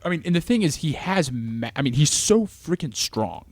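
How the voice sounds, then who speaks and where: A man's voice: fairly high pitch, sing-song, normal speed, no echo. Rambling man in a dry close recording. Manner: rambling, with many restarts and filler words. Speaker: co-host. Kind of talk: casual gaming lore chat.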